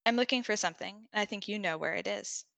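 A woman reading the lines of a gruff, threatening male pirate captain in a short story, with little change from her own voice. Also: mid-range voice, fast talker, a bit bright, dry recording. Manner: read plainly with little voice change.

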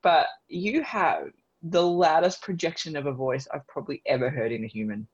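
A woman's voice: deep voice, expressive, moderate pace, darkish tone, highs cut off. A woman with an Australian accent co-hosting a casual podcast chat, frank and joking in a blunt way. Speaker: podcast co-host.

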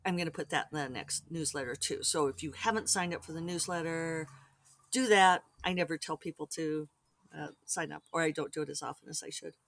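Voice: mid-range voice, fairly even intonation, brisk, fairly bright tone. An author hosting their own podcast, talking to readers in a rambling, chatty solo update with many restarts and asides. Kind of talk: casual solo podcast chat.

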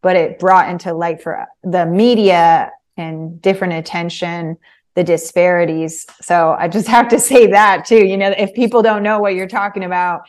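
A woman interviewer giving reflective, earnest commentary in short, deliberate phrases. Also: on the low side, fairly even intonation.

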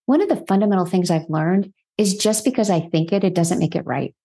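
A woman's voice: on the low side, lively intonation, brisk, mellow, breathy edge. A middle-aged woman who works as a physician and life coach, a podcast guest telling her story in an earnest, reflective way, posing rhetorical questions.

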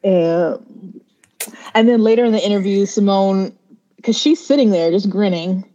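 A woman's voice: mid-range voice, normal speed, warm tone. A woman co-hosting a podcast in casual chat, retelling stories and quoting people as she goes. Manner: chatty, retells stories with quoted voices. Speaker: podcast co-host. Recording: dull lo-fi sound.

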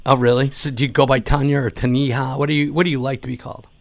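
A man hosting a casual interview, joking and teasing with quick questions. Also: medium pitch, little pitch movement. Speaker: host.

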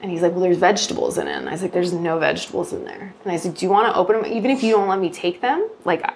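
A woman's voice: on the low side, very fast, vocal fry, slight background noise. A young woman who grows mushrooms, telling a story in casual chat and acting out quoted exchanges, with some swearing. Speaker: mushroom grower, guest.

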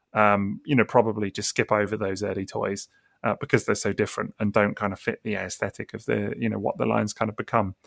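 Man, gravelly, casual podcast host, dry close mic. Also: lowish voice, fairly bright tone, no room sound. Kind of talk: casual chat about collectible toys.

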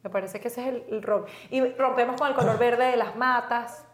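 A woman's voice: a little high, fairly even intonation, normal speed. A woman in casual chat with her husband, insistent and affectionate. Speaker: co-host. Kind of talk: casual banter with spouse. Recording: echoey room.

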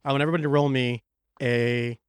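A man's voice: mid-range voice, fairly even intonation, fast, smooth, no echo, studio quality. A man narrating as game master of a tabletop role-play, joking and loose, often restarting phrases.

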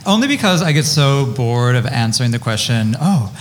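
A man's voice: mid-range voice, sing-song, normal speed, long reverb tail, a little hiss or hum. A man with an American accent, a DJ guest chatting casually with dry humour. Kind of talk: casual chat.

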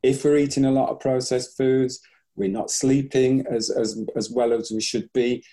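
Mellow and medium in pitch, this man speaks at normal speed with fairly even intonation. A breathing coach on a podcast, he's thoughtful, restarts often, and imitates what his clients say.

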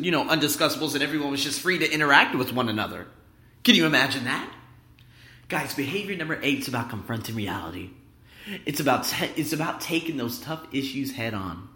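A man in his thirties hosting his own podcast, talking emphatically and rambling in a motivational monologue, recorded in an echoey room at his workplace. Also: on the high side. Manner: animated, emphatic, rambling and conversational. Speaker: podcast host. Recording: echoey room with big reverb.

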